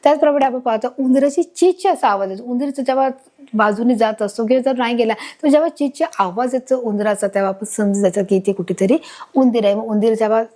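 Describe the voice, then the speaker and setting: A woman's voice: on the high side, fast talker, dark tone. A woman teacher with a Marathi accent explaining an English lesson to children, asking and answering her own questions.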